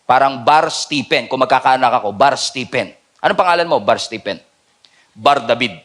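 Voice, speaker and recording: A man preaches during an evening church service, his Filipino accent carrying a mix of Tagalog and English as he moves between quiet and loud passages. His medium-pitched voice is expressive, and he speaks at normal speed.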